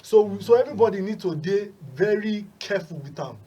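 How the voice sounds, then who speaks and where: A man's voice: high voice, expressive, a little fast, warm tone, husky, recorded from a distance, dull audio. A Nigerian man speaking Pidgin as a panel analyst, with a hesitant delivery full of filler sounds.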